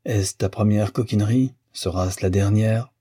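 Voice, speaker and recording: A man's voice: lowish voice, steady tone, measured pace, dark tone, breathy edge, dry recording, clean studio sound. A man voicing a stern, wrathful older male lawyer who hammers out his indignant words. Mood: cold.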